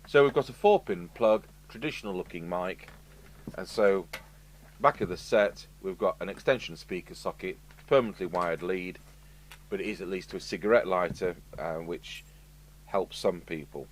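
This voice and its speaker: This casual repair video features a low-voiced English man from the United Kingdom, a host and radio repairer, speaking at a moderate pace. He rambles chattily with asides while demonstrating, unscripted, against a steady hum and background noise.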